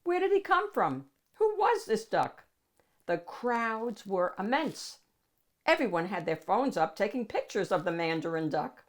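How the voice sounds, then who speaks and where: In a sing-song, mid-range voice, a woman leads storytime, reading a picture book aloud to little listeners. Key words get drawn out, and she pauses dramatically.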